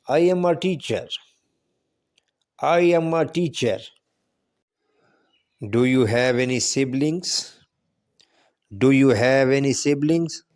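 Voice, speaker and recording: Very slow, deliberate male English tutor. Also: medium pitch, a little mellow. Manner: reads each line twice, slow and deliberate. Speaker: English teacher. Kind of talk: reading practice dialogues for learners.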